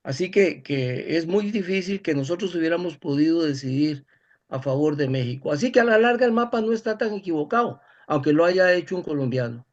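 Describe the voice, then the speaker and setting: Higher-voiced Costa Rican man, explaining emphatically. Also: expressive, brisk, highs cut off. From Costa Rica. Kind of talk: informal historical discussion.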